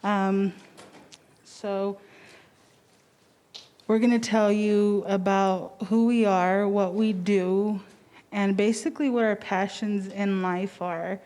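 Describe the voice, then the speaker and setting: A woman's voice: mid-range voice, steady tone, slow pace, long pauses, darkish tone. A woman casually introducing a team presentation as its supervisor, with a playful, informal manner.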